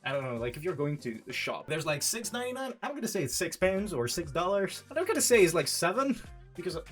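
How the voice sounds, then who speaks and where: A man from France with a French accent, chatting in English about a country he loves. His pitch swings around in a lively way as he rambles, jokes and teases, and faint music plays softly behind him. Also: quick pace. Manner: joking, sarcastic, rambling with many "like" fillers. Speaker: vlogger. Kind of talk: casual chatty explainer.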